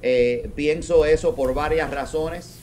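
A middle-aged man, a retired police commander, answering interview questions over a webcam from a home office, talking haltingly with many restarts and English words mixed in. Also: a little high, darkish tone, a little hiss or hum. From raised in New York. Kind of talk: video call interview. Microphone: video call webcam.

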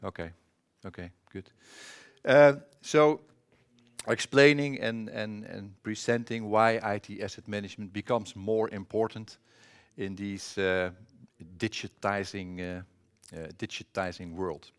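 A middle-aged man from the Netherlands with a Dutch accent, giving a casual conference presentation on a presentation mic, often pausing with filler sounds and restarts. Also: fairly low pitch, steady tone, clear, resonant tone. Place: conference room.

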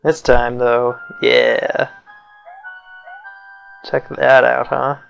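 A young let's play commentator talks very slowly in a level, mid-range voice that's creaky and a bit bright, commenting casually over a video game with faint game music in the background. He mutters wry, self-mocking asides, and his voice feels slightly off, as though he's getting sick.

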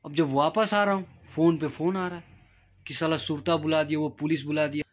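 A man's voice: fairly high pitch, steady tone, brisk, no echo. A man telling a long casual vlog story, chatting to viewers and retelling a quarrel with friends over parking. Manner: chatty, retells quarrels by acting out quoted voices. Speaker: vlogger. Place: in a car and at his room.

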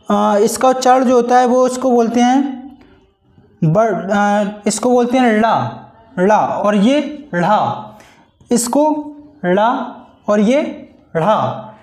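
An extremely high-pitched, slightly mellow male voice belongs to a Hindi teacher giving a grammar lesson as if at a blackboard. He patiently repeats and elongates syllables to show pronunciation, and the audio is reverberant.

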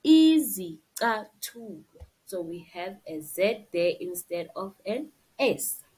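A woman's voice: on the low side, takes it slowly, darkish tone, husky. A woman with a South African accent giving a simple, repetitive language lesson to young beginners, as if reading to a toddler. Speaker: isiZulu language teacher. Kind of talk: slideshow vocabulary lesson for young beginners, bilingual.

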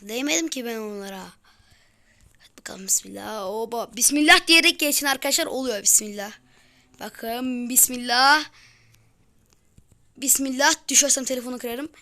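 A young woman giving casual gameplay commentary, excitable and easily frustrated, muttering one moment and crying out the next. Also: high-pitched, normal speed. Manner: excitable, swings from muttering to loud frustrated outbursts. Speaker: gaming video creator.

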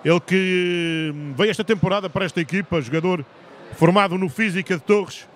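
Male play-by-play commentator, high register, measured short phrases, faint venue noise. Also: a bit bright. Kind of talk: live rink hockey commentary.

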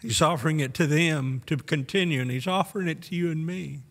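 A man in his sixties preaching a sermon from the pulpit of a church, earnest and full of rhetorical questions, often breaking into soft laughs. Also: fairly high pitch, fairly quick. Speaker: pastor. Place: church sanctuary. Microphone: pulpit microphone on a stand. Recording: long church hall reverb.

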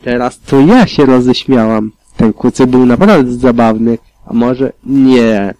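A man reading a fan fiction audiobook aloud in a calm, steady manner with occasional slips. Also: mid-range voice, a little slow, no echo, rough recording. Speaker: audiobook reader.

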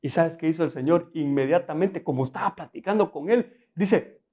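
A man's voice: on the high side, fairly quick, mellow, dull audio. A male pastor preaching a sermon in a conversational, storytelling way, often asking his listeners rhetorical questions and adding humor.

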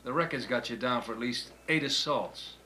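An actor playing a middle-aged American police detective, a tough cop who talks bluntly and threateningly in a film drama. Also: male voice, medium pitch, normal speed, sharp tone, a little hiss or hum, close to an everyday voice. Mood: pressing. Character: hard, menacing, impatient male police detective. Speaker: police interrogator. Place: small indoor police office.

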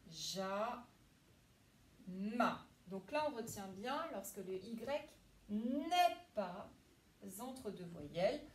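A woman teaching a class lesson to young children, speaking slowly and clearly and praising pupils by name. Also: mid-range voice, darkish tone, slight background noise. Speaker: primary school teacher.

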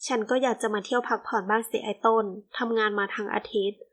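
A woman's voice: on the high side, level tone, fast, close to an everyday voice. A woman playing a teasing playboy young man. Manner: teasing, easygoing.

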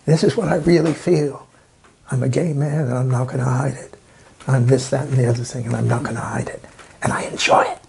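A man in a documentary interview, talking about literature with animated storytelling and emphatic repeated words. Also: medium pitch, fairly quick, vocal fry, a little hiss or hum.

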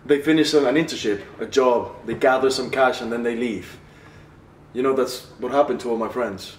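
An actor playing a lonely, downbeat young man in a city bar, talking in a flat voice. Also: mid-range voice, normal speed, close to an everyday voice. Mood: gloomy. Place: indoor bar. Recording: roomy sound, distant mic, noisy.

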